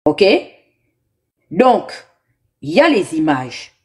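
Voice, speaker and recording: A woman's voice: sits low, sing-song, slow pace, mellow. A woman hosting a live commentary, emphatic and exhorting her viewers. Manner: emphatic, exhorting, speaks in repeated appeals. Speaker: live show host.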